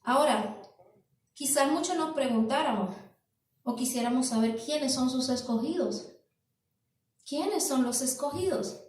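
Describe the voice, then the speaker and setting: A woman preaches slowly and deliberately in a high voice, repeating key words and asking rhetorical questions. Her sermon rings through a large church hall, caught from far off with heavy echo. It is an evening church service. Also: darkish tone.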